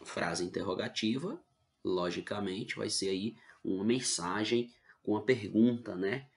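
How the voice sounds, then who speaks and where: A man's voice: on the low side, measured pace. A male teacher with a Brazilian Portuguese accent, explaining grammar patiently in an online class and checking in often with the students.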